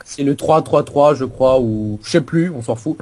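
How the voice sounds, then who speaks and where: A man talks through a game server in casual commentary, his pitch sitting right in the middle of the male range. He rambles and pokes fun at himself as he explains. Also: moderate pace, a little mellow. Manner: rambling, self-mocking explanations. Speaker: co-host giving a game server tour.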